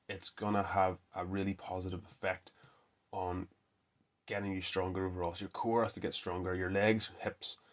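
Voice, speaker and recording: A young man, explaining gym lifts in a relaxed, casual podcast talk with frequent ums. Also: sits low. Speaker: fitness coach podcast host.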